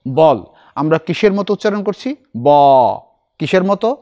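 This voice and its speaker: A middle-aged man teaching a recitation class, explaining slowly and asking his students questions. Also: high-pitched, animated, darkish tone.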